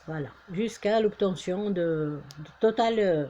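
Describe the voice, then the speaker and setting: A woman from Algeria speaks in a casual monologue, full of hesitations and restarts. Her voice sits fairly low and sounds warm and mellow. When she exhorts, she grows insistent and repeats herself. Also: measured pace, muffled recording, slight background noise. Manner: hesitant, many fillers and restarts. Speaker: vlogger.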